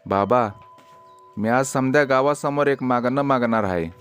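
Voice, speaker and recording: A man's voice: medium pitch, unhurried, fairly bright tone, clear, resonant tone, faint music behind, lightly acted. A man storyteller voicing a bold young village girl who speaks with pleading insistence.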